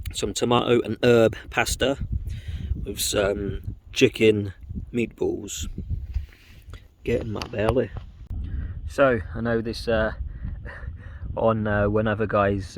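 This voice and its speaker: A man chatting casually through an outdoor camping vlog, relaxed, with plenty of ums. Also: on the low side, vocal fry, a little hiss or hum. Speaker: wild camping vlogger. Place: outdoors on a windy hillside.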